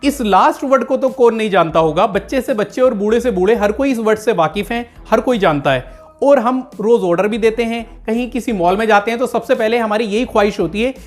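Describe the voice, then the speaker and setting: A man teaching English pronunciation in a casual lesson, repeating each word slowly to contrast wrong and right. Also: high-pitched, soft background music. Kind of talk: Hindi-language pronunciation lesson.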